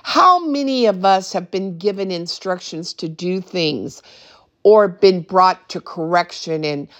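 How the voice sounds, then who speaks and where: A woman's voice: lowish voice, lively intonation. A woman preaching a sermon, emphatic and drawn out, calling out to the congregation with asides. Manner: slow, emphatic preaching with call-and-response asides.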